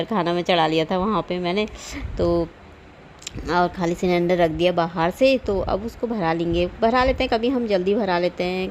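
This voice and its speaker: A woman's voice: on the low side, darkish tone, slight background noise. A woman narrating her home vlog over footage in a chatty, rambling, homely way, full of little filler tags. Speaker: home vlogger.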